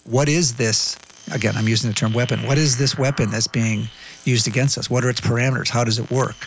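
A man's voice: medium pitch, fairly even intonation, brisk, gravelly, slight background noise, rough recording. A man giving plain-spoken interview commentary as an expert, with a rhetorical turn. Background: music.

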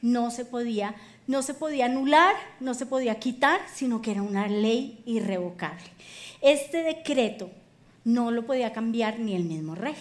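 A woman pastor preaches with a high, bright voice, retelling the story in a lively, playful way. Her delivery is colloquial and full of humor, shifting between a hushed hold and emphatic punches. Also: moderate pace. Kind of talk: sermon.

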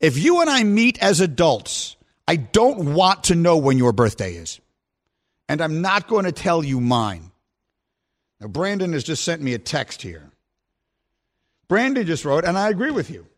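A radio host in his fifties delivers an opinionated, mock-outraged rant. His voice sits high for a man and swings widely in pitch as he builds his point. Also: very animated, a little slow, long pauses. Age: 50s. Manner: mock-outraged ranting, rising and emphatic.

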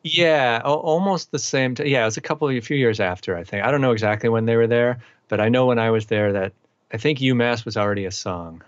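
A middle-aged eastern Massachusetts musician, guesting on a casual interview chat, talks fast at a medium pitch. Laid-back and rambling, he uses lots of fillers; the recording is dry and the highs are cut off.

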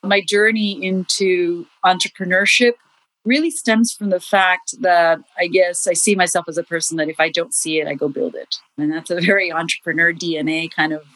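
A woman from India, raised in Morocco, speaking as an interview guest in a steady, thoughtful way. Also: lowish voice, normal speed, dry recording, rough recording. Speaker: guest, investor. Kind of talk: casual interview talk.

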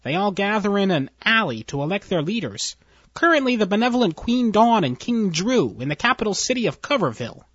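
A man's voice: high voice, very animated, a little fast, a bit bright, no room sound, lo-fi sound, voice pushed up, full character voice. A man voicing a nervous, timid alien male science officer who answers hesitantly and deferentially.

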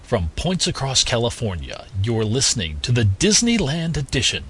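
A man announcing a show intro like a ringmaster, in a grand, drawn-out manner. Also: mid-range voice, wildly swooping pitch, a bit bright, husky.

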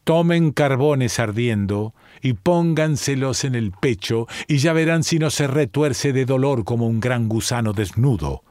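A man's voice: medium pitch, measured pace, hardly any pauses, a little mellow, no echo, studio quality, close to an everyday voice. A man voicing a wicked, scheming widow in a storybook reading, with a cold, mocking manner. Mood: cruel.

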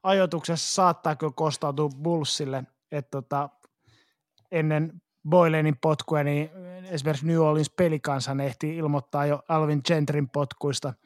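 A man's voice: on the high side, steady tone, no echo, studio quality. A man co-hosting a casual sports podcast, blunt and prone to stammering restarts. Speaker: podcast co-host.

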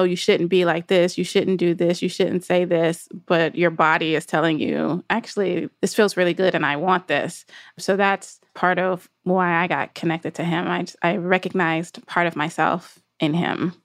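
A woman's voice: lowish voice, fairly even intonation, moderate pace, no echo. A woman hosting a podcast, narrating and conversing on a close studio microphone. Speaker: podcast host. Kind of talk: scripted podcast narration, some conversational interview.

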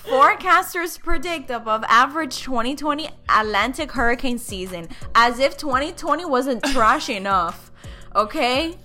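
A sassy woman teases her co-hosts, slipping into Spanish. Her voice sits higher than most and rings bright and sharp. Faint music runs behind her. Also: expressive, normal speed. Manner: sassy and teasing, mixing in Spanish. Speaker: co-host. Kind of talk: casual comedic chat.

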